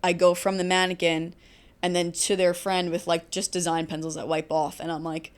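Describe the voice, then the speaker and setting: Lively woman barbering teacher chatting. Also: lowish voice, smooth. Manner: animated storyteller, quick asides and laughs. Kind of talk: casual podcast conversation.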